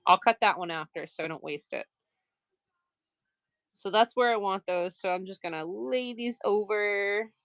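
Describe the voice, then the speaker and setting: A quilter from Maine, speaking with a Maine accent, sews and sells on a live stream, chatting casually and laughing often at her own expense. She talks as she works and moves around the table. Her mid-range voice is a bit bright at a normal speed, recorded dry.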